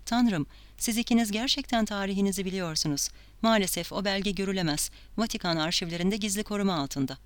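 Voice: medium pitch, fairly quick, clear, resonant tone, no echo, lightly acted. A reader voicing a chatty, eager male tour guide in an audiobook, talking effusively. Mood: talkative. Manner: effusive, talkative.

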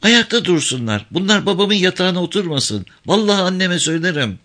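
A bold little girl of nine chatters on with earnest insistence, as a male audiobook reader puts her on. The voice sits high and bright, with lively swings in pitch. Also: a little fast, full character voice. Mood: insistent. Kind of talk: audiobook character reading.

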